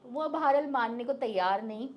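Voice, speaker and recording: A middle-aged woman with a slightly high voice and a moderate pace tells a personal story as an interview guest. Her casual retelling is vivid and detailed, with quotes she acts out.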